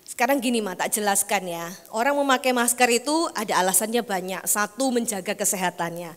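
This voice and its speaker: A woman's voice: medium pitch, brisk. A woman preaching a sermon in a church, chatty and conversational, acting out voices of family members in her stories. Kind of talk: sermon with acted-out family anecdotes. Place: church hall. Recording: echoey church hall.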